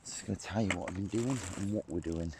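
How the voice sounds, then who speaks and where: Young man, very low voice, fishing vlog, chatty and sweary, outdoors by a lake. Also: quick pace, very noisy. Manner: chatty, laughs often, swears. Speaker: fishing vlogger. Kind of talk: casual talk to camera. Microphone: camera on a tripod.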